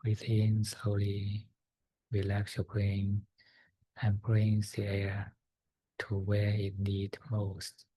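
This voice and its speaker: A man softly guiding a breathing meditation, slow and soft-spoken with long pauses and fillers. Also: fairly low pitch, monotone, breathy edge, dry recording, low-quality recording. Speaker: meditation guide.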